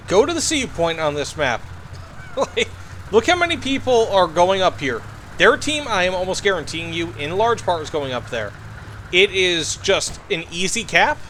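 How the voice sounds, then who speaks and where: A man chatting excitedly through a tank game match, giving tips to viewers and reacting to kills and close calls with lots of fillers. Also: high-pitched, a little hiss or hum. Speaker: gaming commentator. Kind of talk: gameplay commentary with tips.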